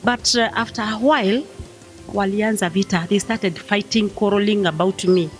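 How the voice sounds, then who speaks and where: A woman's voice: mid-range voice, steady tone, moderate pace, faint music behind. A woman, sharing her life story in a hesitant, plain way. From Tanzania. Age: 50s. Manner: hesitant, plain, with Swahili words mixed in. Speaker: guest sharing testimony. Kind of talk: personal testimony interview.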